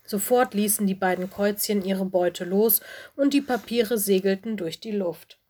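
A woman narrating a children's storybook in a calm, expressive storytelling voice. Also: medium pitch, moderate pace. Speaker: audiobook narrator.

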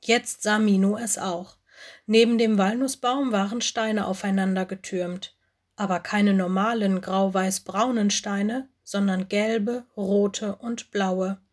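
A woman narrating a children's storybook in a calm, clear way. Her voice sits at an ordinary middle pitch for a woman. She reads smoothly and evenly, as in a read-aloud recording. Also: slow.

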